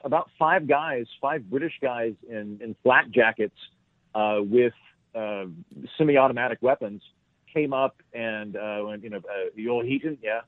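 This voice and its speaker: A man's voice: mid-range voice, measured pace, no echo. A male comedian telling a rambling, self-deprecating story as a podcast guest, on a tinny, dry phone-like line.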